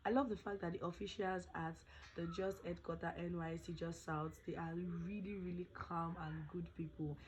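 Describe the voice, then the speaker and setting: A woman's voice: lowish voice, steady tone, moderate pace, a little hiss or hum, rough recording. A young Nigerian woman vlogging casually, chatting with pidgin phrases, her voice not fully recovered. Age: young adult. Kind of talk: casual storytelling vlog.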